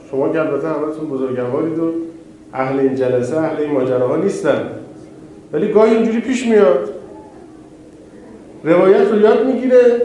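A man's voice: high-pitched, dark tone, a little hiss or hum. A man preaching a sermon in a conversational way, pushing his voice up on the key phrases. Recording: very echoey hall, faint ambience.

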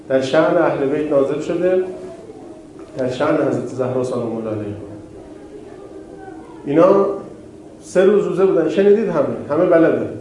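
Male preacher, mellow voice, talks with the congregation, very echoey hall with a faint hum behind. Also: on the high side. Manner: conversational, rising emphasis on key phrases. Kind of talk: sermon.

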